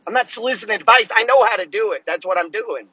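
A man in his fifties talks hard and blunt, swearing as he lectures, in a high, bright voice. There is a husky edge to it, and the room sounds dry and close. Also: fast talker, dry recording, poor audio. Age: 50s. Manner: blunt, cursing, preachy. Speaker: podcast host. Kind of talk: profane motivational monologue.

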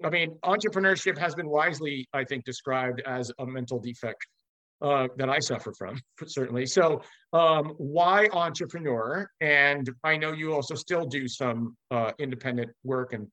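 A man's voice: medium pitch, normal speed, bright, forceful tone, no echo, low-quality recording. An American man from Los Angeles hosting a casual interview, talking in an expansive, emphatic way. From Los Angeles, USA. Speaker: interview host.

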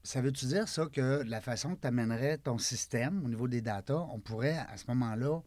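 A man's voice: medium pitch, fairly quick, darkish tone, dry recording. A man with a Québécois French accent co-hosting a podcast, chatty and joking as he puts questions to a guest. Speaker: podcast co-host. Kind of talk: casual panel discussion.

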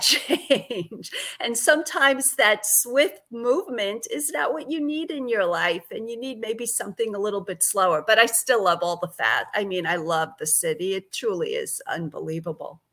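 Older woman with a Brooklyn accent, slow-paced. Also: medium pitch, a bit bright. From Brooklyn, New York. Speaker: author, podcast guest. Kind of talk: conversational interview.

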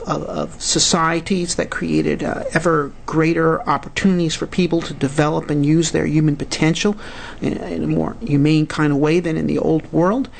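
Creaky-voiced man with a Brooklyn accent. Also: fairly high pitch, a little hiss or hum. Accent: Brooklyn New York. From United States. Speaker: guest expert, society president. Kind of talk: radio interview.

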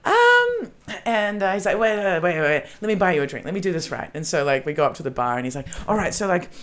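A woman with an Australian accent telling a lively story in a casual podcast chat, acting out the lines of the people in it. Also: deep voice, fast talker. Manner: animated storytelling, acting out quotes. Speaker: comedian guest.

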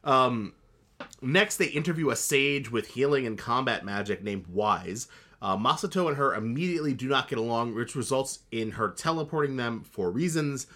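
Male co-host, very lively intonation, sarcastic recap banter. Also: mid-range voice, normal speed. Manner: animated and sarcastic. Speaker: podcast co-host. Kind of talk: casual recap chat.

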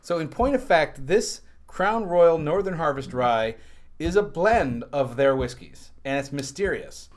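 A man's voice: fairly high pitch, lively intonation, measured pace. A man co-hosting a casual chat, telling rambling anecdotes with dry asides. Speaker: co-host. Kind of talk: casual chat about whiskey.

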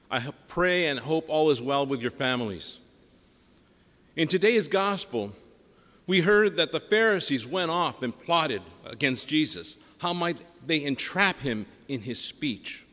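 Priest preaching in cathedral-like echo. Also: male voice, medium pitch, fairly bright tone. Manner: measured, solemn, deliberate public delivery. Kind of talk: gospel reading and homily. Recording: echoing church, long reverb.

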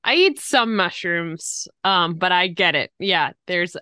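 A woman co-hosting a podcast in casual chat, relaxed and full of "like" and "um". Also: fairly low pitch, slow pace, clean tone, dry recording, clean studio sound. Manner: relaxed, many fillers like "like" and "um". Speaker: podcast co-host.

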